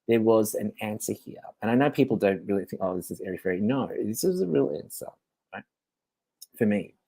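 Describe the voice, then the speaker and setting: A man's voice: lowish voice, lively intonation, normal speed, creaky, warm tone, breathy edge, no echo. A man hosting a show, giving a candid, rambling confessional monologue and swearing freely. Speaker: host.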